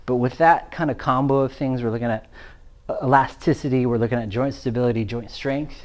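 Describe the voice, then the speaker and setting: A young man coaching a workout while doing it himself, explaining each move with energy and getting winded as it goes on. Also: medium pitch. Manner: energetic, explaining while exercising, gets louder during effort. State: out of breath. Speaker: fitness coach. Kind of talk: demonstrating a workout on camera.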